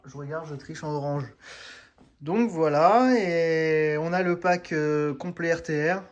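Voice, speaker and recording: A man hosting a casual product unboxing for a hobby shop, chatty and full of hesitant fillers. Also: fairly high pitch.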